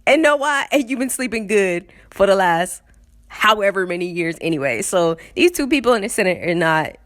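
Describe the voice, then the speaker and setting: A woman's voice: medium pitch, normal speed, no room sound, studio quality. Sarcastic woman ranting on a podcast. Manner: animated, sarcastic, lots of fillers and laughs. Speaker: podcast host. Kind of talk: casual comedic monologue.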